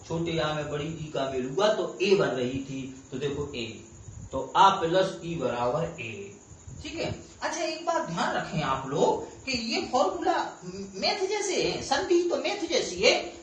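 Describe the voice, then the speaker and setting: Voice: medium pitch, fairly bright tone, a little hiss or hum. A teacher explaining a grammar lesson step by step, patiently repeating the key terms. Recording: very echoey room.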